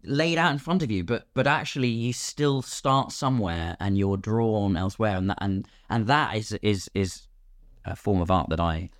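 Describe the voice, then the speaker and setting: On a podcast, a British guest talks through how he makes films in a relaxed way, voicing hypothetical questions as he goes. The studio sound is clean and dry, and his lowish voice keeps a normal pace.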